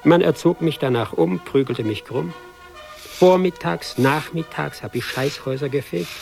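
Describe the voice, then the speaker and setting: A man's voice: fairly high pitch, normal speed, gravelly, a little mellow, faint music behind. An actor playing a hapless young army recruit, reciting his tale in ironic, sing-song rhyme for a radio play. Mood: sardonic.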